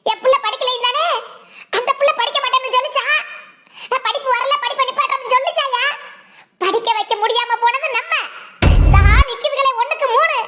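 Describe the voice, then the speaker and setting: A woman's voice: extremely high pitch, fairly quick, sharp tone, soft background music. A woman voicing a stubborn, emotional village mother in a cartoon, speaking with a Ramanathapuram Tamil accent and pleading through repetition. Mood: indignant. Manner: pleading, emotional, repeats herself. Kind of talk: cartoon voice acting.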